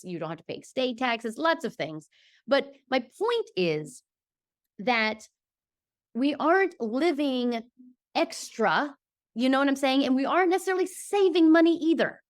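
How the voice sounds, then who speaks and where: A woman from Georgia in the US, a podcast guest on a video call, talking emphatically and checking in with her listener as she goes. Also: a little high. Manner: emphatic, lively, keeps checking in with "okay?". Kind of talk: casual interview chat.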